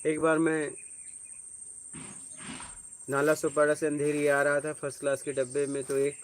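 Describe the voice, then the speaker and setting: Man, spiritual teacher, informal talk, conversational storyteller, asks if you follow, slightly high voice. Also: completely flat delivery, moderate pace, slight background noise. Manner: conversational, tells personal stories, asks listeners if they follow.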